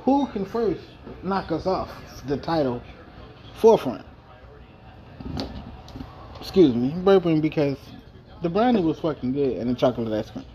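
A man with a somewhat high voice talks in a loose, rambling way, swearing freely and restarting his sentences. He chats casually about his game, and a faint hum of room noise sits behind him. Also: sing-song, normal speed, mellow, muffled recording. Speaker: video game player. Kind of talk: casual gameplay commentary.

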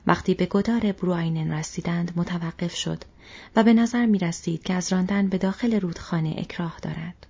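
A woman narrating an audiobook in a soft, measured, breathy reading. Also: on the low side. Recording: dull lo-fi recording.

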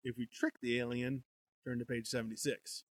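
A man's voice: mid-range voice, level tone, moderate pace, no echo, studio quality. A young man co-hosting a show, reading a gamebook aloud with banter and frequent laughs. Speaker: podcast co-host reading a gamebook.

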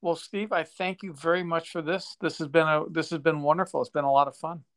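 A man's voice: a little high, fairly even intonation, brisk, a bit bright. A man hosting a casual interview, asking friendly questions and giving brief affirmations. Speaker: interviewer host.

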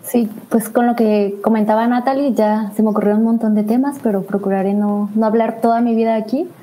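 A woman's voice: on the high side, fairly even intonation, fairly quick, mellow, low-quality recording. A woman talking casually in a podcast discussion, chatty and telling stories with quoted lines.

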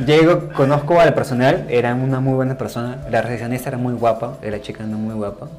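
A man with a Peruvian Spanish accent, a podcast host telling a work anecdote in a rambling, casual way that trails off quieter at the ends of phrases. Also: medium pitch, fairly even intonation, quick pace, soft background music. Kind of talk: casual storytelling.

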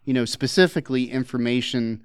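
A man in loose, rambling podcast conversation, circling his points and stopping to restart his sentences. His voice is smooth and resonant, sitting in an ordinary middle register, and it is recorded close and dry. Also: medium pitch, a little fast, no echo. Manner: rambling, with many fillers and restarts. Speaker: podcast co-host. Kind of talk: casual conversational podcast chat.

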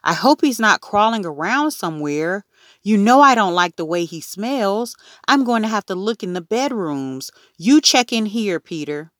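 A woman's voice: mid-range voice, lively intonation, moderate pace, fairly bright tone, no echo, studio quality, pitched above the performer's own voice, close to an everyday voice. A woman doing a flustered, fussy mom. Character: busy, fussy mother of two.

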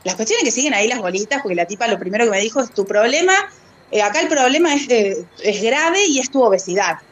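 A woman's voice: a little high, expressive, fast talker. A woman guest speaking as a fat activist, telling a personal story in a hesitant way, with many fillers and laughs between phrases. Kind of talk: conversational storytelling.

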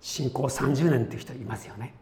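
A man's voice: medium pitch, brisk, dark tone. A man preaching a sermon as a pastor, chatty and folksy, with easy asides before he turns to the Bible passage. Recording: echoey room with faint ambience.

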